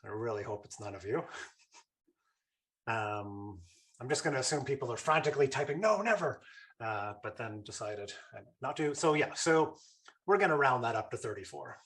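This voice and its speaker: A man's voice: mid-range voice, normal speed, fairly bright tone. A man presenting an online lesson in a casual, chatty way, full of fillers and restarts. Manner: chatty, with fillers and repeated starts. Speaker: webinar presenter.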